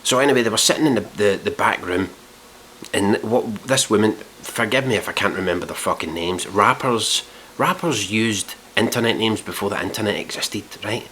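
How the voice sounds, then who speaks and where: A man's voice: on the low side, normal speed, sharp tone, slight background noise. A man ranting in a casual review video, exasperated and swearing a lot. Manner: exasperated, heavily profane, mock-outraged.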